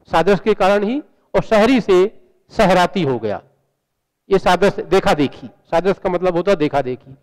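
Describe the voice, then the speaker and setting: A man lecturing to students, his voice pitched high for a man. He works through one example after another and poses rhetorical questions. A long reverb trails behind his words. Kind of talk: university lecture on language.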